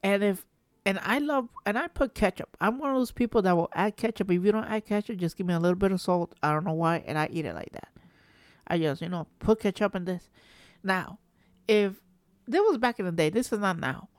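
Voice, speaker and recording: A woman's voice: medium pitch, a little fast, no room sound, studio quality. A young woman hosting a podcast, telling a rambling casual story with many restarts and filler words. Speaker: podcast host.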